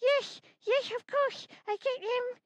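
A woman voicing a sly, greedy creature that hoards food in its den in a children's puppet story, muttering slowly and breathily. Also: very high voice, steady tone, no room sound. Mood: sheepish.

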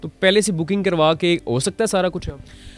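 A man's voice: high-pitched, moderate pace, soft background music. A young man from Pakistan interviewing a guest on an outdoor terrace with a handheld mic, asking short probing follow-ups. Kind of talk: interview questions.

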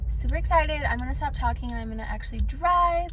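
A woman's voice: high voice, quick pace, a bit bright. A woman in her twenties giving an informal, rambling vlog chat. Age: 20s. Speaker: vlogger.

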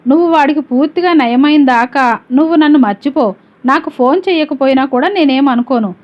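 A woman's voice: high-pitched, a little fast, close to an everyday voice. A woman reading the part of a young woman in a spoken story, asking eager questions and soothing her lover, on a dull lo-fi recording. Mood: consoling.

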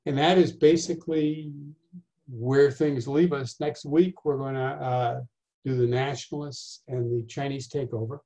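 A man's voice: mid-range voice, steady tone, a little slow, dark tone. An older man teaching a history lecture over a video call, conversational, with rhetorical questions and wry asides. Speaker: instructor.

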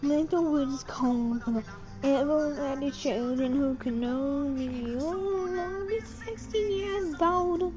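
A woman's voice: high voice, fairly even intonation. A young woman livestreaming, singing along to a song and then chatting with her viewers. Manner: sings along to music, then chats quickly with viewers. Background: music playing.

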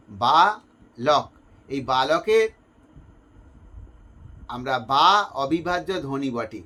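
A man's voice: fairly high pitch, a bit bright. A male teacher gives an exam-focused lecture, explaining step by step and posing questions he then answers himself.

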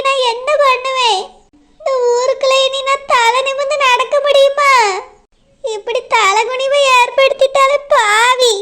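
A woman's voice: very high voice, background noise. A woman with a Kanyakumari Tamil accent voicing an older village mother who wails in a sing-song lament. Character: older village mother wailing over a runaway daughter. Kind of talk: village comedy-drama acting.

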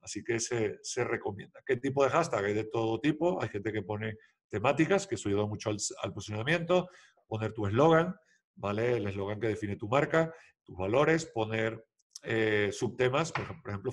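A man's voice: fairly low pitch, normal speed. A man giving an explanatory online lecture on social media, checking in often with the audience and using many fillers. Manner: explanatory, frequent "¿vale?" check-ins and "eh" fillers. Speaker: social media marketing instructor. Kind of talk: webinar lecture with slides.

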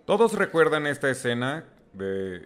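A man's voice: medium pitch, very animated, measured pace, voice pushed down. A man voicing a glib, cocky billionaire superhero in a comic film parody, smug and sarcastic.

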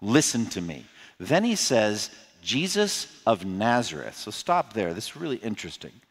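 A man preaching an expository sermon as pastor. He swings between loud, rising emphasis and quiet, pleading appeals. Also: very animated, normal speed, slightly rough. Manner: impassioned preaching, rising loud on key points and dropping low to plead. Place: church sanctuary. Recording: long hall reverb.

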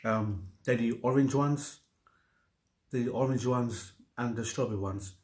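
A man in his thirties talks slowly at a medium pitch while he eats. He gives casual food commentary in brief remarks, leaving pauses between them, recorded at a table at home. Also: darkish tone. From United Kingdom. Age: 30s. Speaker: mukbang vlogger. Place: indoors in a home kitchen-diner. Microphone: camera on the table at about arm's length.

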